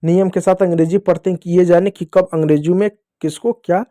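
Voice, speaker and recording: High-voiced man teaching phonics. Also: steady tone, a little fast, dark tone, no echo, studio quality. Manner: patient, repeats questions and answers them himself. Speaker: English teacher. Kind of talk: classroom-style phonics lesson.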